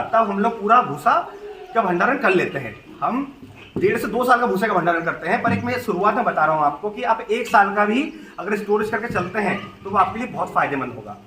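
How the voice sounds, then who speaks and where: A man's voice: sits high, bright, forceful tone, reverberant, distant mic. A man who runs a goat farm, giving earnest, repetitive step-by-step advice straight to the listener in an instructional talk. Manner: earnest, repetitive, advising directly.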